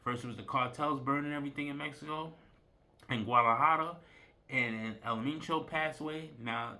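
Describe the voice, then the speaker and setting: A man's voice: medium pitch, brisk, pushed and bright. A man vlogging a rambling, profane commentary, often repeating himself and trailing off. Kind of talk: casual rant.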